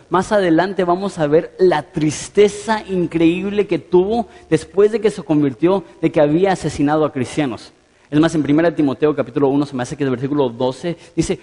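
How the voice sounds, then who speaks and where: A man's voice: a little high, a little mellow, long reverb tail. A man preaching a sermon as pastor, earnest and emphatic, lifting his voice on quoted prayers.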